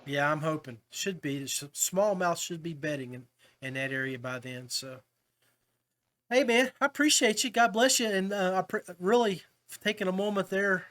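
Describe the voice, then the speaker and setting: An American man hosts a casual fishing podcast, chatting with guests in a friendly, chummy, appreciative way. His voice sits high with lively intonation and a fairly bright tone, at normal speed.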